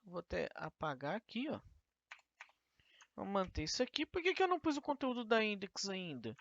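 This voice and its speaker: Woman teacher in a gravelly, dry tutorial. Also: medium pitch, a bit bright, no room sound. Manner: explains step by step, asking and answering her own questions. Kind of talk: screen-recorded coding tutorial. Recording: dull, lo-fi dry screen recording.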